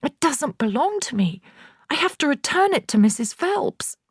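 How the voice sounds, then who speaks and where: Lady doing a smart little girl, light higher voice, calm, dry close mic. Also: moderate pace, no room sound. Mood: pleading. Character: clever, composed little girl.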